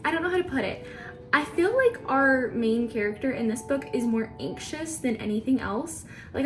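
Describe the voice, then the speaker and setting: Higher-pitched woman book vlogger. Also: slight background noise. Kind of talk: casual chat to camera.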